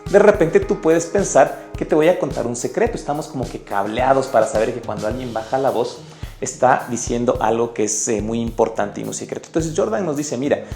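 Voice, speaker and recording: Here the man's voice is medium-pitched and darkish, fairly quick, with lively intonation and some vocal fry. He summarizes a sales book directly to the viewer in an upbeat, emotive, animated lesson, while faint music plays in an echoey room.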